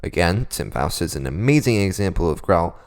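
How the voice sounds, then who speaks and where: Young man, very low voice, lively intonation, casual beatbox tutorial, self-deprecating. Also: fairly quick. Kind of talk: casual vocal technique tutorial.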